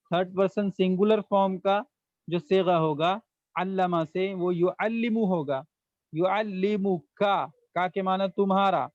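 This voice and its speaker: A man with a fairly high voice gives an online language lesson at a slow, patient pace. He breaks each phrase into single words and repeats every translation. The sound is dry and dull, close to the mic. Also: a little mellow, no echo. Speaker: Arabic teacher.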